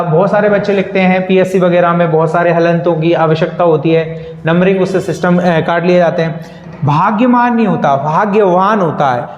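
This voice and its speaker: A man's voice: high-pitched, darkish tone. A man teaching Hindi spelling to students, asking questions and answering them himself, calling them "beta". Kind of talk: classroom lesson with call-and-response questions. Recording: echoey room, slightly dull sound.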